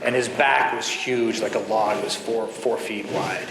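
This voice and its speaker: A man in his fifties, a surgeon giving an earnest keynote speech full of anecdotes, with pauses and fillers, at a podium microphone in a conference hall. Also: lowish voice, creaky, a crowd in the background. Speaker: guest speaker, surgeon. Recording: echoey hall with faint ambience.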